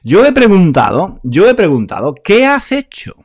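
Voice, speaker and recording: A man's voice: high-pitched, wildly swooping pitch, normal speed. A man from Spain teaching a live online Spanish class, reading out viewers' comments in a chatty way and repeating phrases.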